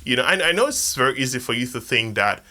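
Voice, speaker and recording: A man's voice: mid-range voice, big pitch swings, quick pace, bright, forceful tone. A man hosting a podcast conversation, talking in an earnest, emphatic way and repeating key words.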